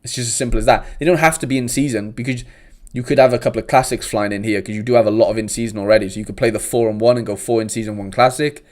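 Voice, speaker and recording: A man's voice: medium pitch, fairly even intonation, racing. A young man from South Wales with a South Welsh accent, hosting a casual livestream and chatting with viewers in a laid-back way. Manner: chatty, laid-back, uses "mate" often. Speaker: host.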